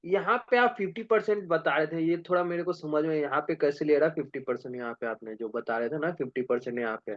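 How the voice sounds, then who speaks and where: A man's voice: on the high side, a little fast, hardly any pauses, lo-fi sound. A man, a student in an online class, asks his question hesitantly while searching for words. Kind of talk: asking a question on a call.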